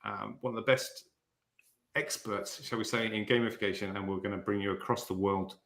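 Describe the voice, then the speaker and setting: A man's voice: lowish voice, flat delivery, fairly quick, vocal fry, a bit bright, roomy sound. A man hosting an interview, enthusiastic and stumbling a little. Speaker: interview host, conference chair.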